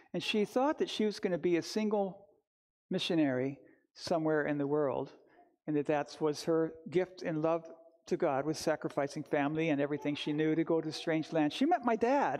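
An older pastor stands before the altar in a church sanctuary, giving an informal sermon built on personal stories. He speaks reflectively and conversationally, his fairly high voice a little mellow.

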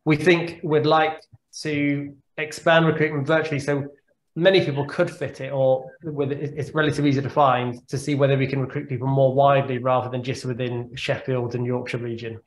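Fairly quick and flat, with a mid-range voice, this man is a forties-aged neurologist answering audience questions as a guest on a video call. He thinks aloud, often repeating words, from a home room whose echo comes through on the call audio.

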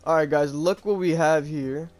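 A male gaming YouTuber with a slightly high-pitched voice commentates on his matches as he plays. His delivery is casual and slangy, peppered with curses. Some music plays behind him. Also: steady tone, moderate pace, a little mellow. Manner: informal, slangy and sweary. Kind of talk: casual live gameplay commentary.

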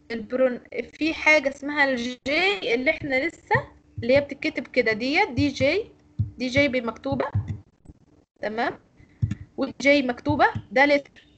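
A woman's voice: high voice, fairly bright tone. An Egyptian woman teaching English pronunciation in an online lecture, explaining and correcting students. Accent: Egyptian Arabic.

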